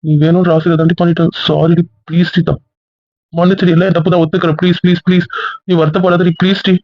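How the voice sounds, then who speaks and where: A man's voice: high voice, little pitch movement, quick pace, no room sound. A man playing a remorseful young husband who begs his wife for forgiveness, in an amateur audio drama on a dull lo-fi recording. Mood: pleading. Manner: pleading, repetitive begging.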